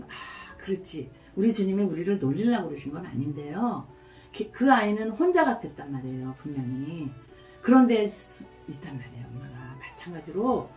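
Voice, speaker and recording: A middle-aged woman pastor delivering a sermon, telling stories with animated, acted-out quotes. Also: on the low side. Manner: storytelling, animated, acts out quotes. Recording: roomy, from a distance, faint music.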